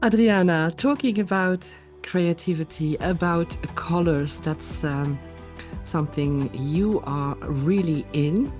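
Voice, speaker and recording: A woman hosts an online talk show over a video call. She chats in a friendly, easy way. Her voice sits low, with faint music behind it. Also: takes it slowly, a little mellow. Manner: friendly, laughing, with fillers. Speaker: host. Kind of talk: casual interview talk.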